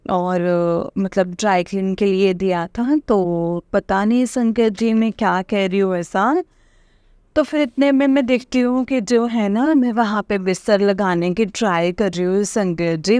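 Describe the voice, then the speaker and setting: A woman's voice: medium pitch, a little mellow, dry recording, studio quality. Hesitant woman rambling through a dream. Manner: rambling, hesitant, many fillers and restarts. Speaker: devotee sharing a dream experience. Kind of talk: casual spoken testimony.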